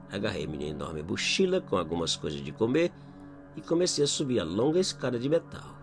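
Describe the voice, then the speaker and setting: A man with a Brazilian Portuguese accent narrates a scripted first-person horror story in a measured, dramatic way. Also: mid-range voice. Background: background music.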